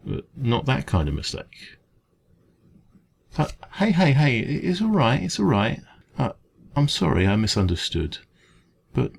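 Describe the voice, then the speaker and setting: In an ASMR comfort roleplay, a man with an English accent plays a kind, gentle café dragon, sounding hesitant, informal, and reassuring. His exaggerated voice sits low and creaky with a slight hiss or hum, and the mood is apologetic and soothing.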